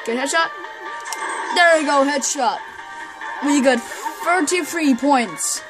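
A woman doing a blind playthrough of a video game offers hesitant, chatty commentary and reads the menus aloud, speaking slowly in a high-pitched voice. The recording is rough, with loud game music playing under her talk.

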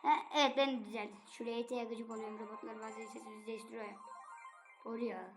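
High-voiced woman chatting through a game. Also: quick pace, music in the background. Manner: playful, chatty and excitable while gaming. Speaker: gaming channel host. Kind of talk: casual let's-play commentary.

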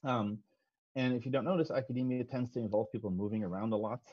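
A Dutch physicist in his thirties gives a relaxed, self-deprecating science talk as a guest speaker, calling in from a home office on a headset. He talks fast in a medium-pitched voice with a breathy edge and lots of ums. The video call audio is dry, slightly dull, and has no echo.

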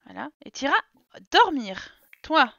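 Bright, chatty French-speaking woman streamer. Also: high-pitched, very animated, a little slow, creaky, dry recording, dull audio. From France. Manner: chatty and teasing, reads chat aloud. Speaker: streamer playing a life sim. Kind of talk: casual live-stream commentary.

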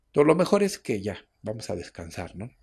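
A man's voice: fairly low pitch, big pitch swings, fairly quick, a little mellow, breathy edge. A man, a radio host explaining herbal medicine in a chatty way and often asking his listeners for agreement. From Mexico. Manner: chatty, explaining, with frequent tag questions. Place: radio studio.

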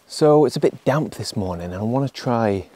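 A man in his thirties, a landscape photographer, calmly explaining his film-camera shoot outdoors in a forest, picked up by a camera mic a few meters away. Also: medium pitch, normal speed, no echo. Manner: calm, explanatory, counts a long exposure in a whisper. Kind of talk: on-location vlog narration. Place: outdoors in an autumn beech forest.

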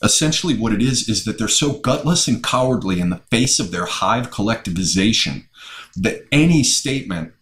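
A man's voice: lowish voice, expressive, moderate pace, a bit bright, reverberant. A man with a Southern American accent, ranting in a profane, opinionated way in casual podcast chat. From Southern United States.

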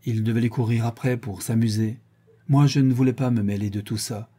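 A man's voice: medium pitch, fairly even intonation, brisk, mellow, breathy edge, close to an everyday voice. A man reading an audiobook, voicing a frightened servant woman who gives her account in a plain, hesitant way. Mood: uneasy.

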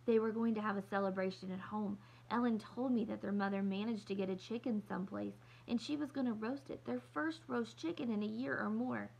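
A woman's voice: medium pitch, flat delivery, moderate pace, husky, rough recording. Woman reading an earnest young girl. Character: young girl Anne-Marie, thoughtful and earnest.

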